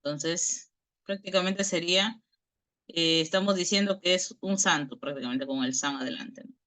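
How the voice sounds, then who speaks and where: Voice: mid-range voice, moderate pace, sharp tone. A Bible study teacher, giving an explanatory lesson over a video call, who tags nearly every phrase with a questioning "right?" and often restarts words while thinking aloud.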